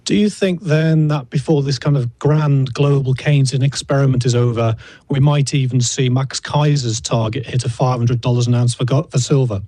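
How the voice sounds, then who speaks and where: Mellow-voiced male interviewer. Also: medium pitch, fairly even intonation, no room sound. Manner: measured, leading questions. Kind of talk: interview questions.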